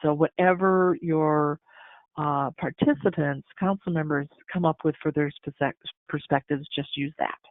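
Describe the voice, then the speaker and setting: A man's voice: a little high, fairly even intonation, a little slow, dry recording. An American man presenting a training webinar for school counselors, talking in a conversational way with many fillers and restarts. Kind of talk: instructional webinar talk. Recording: tinny phone-like webinar audio, dry.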